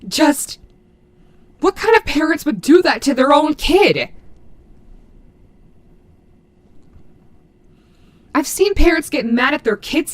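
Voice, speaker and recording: A woman voicing a gruff but maternal animatronic wolf in an audio roleplay, fiercely protective, with halting, earnest, emphatic delivery. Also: high-pitched, exaggerated voice. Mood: shocked, outraged. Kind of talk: dramatic audio roleplay addressed to the listener.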